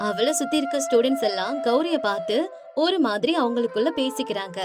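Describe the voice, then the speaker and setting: Brief: woman narrator, high voice, clear storytelling, music bed. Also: animated, a little fast.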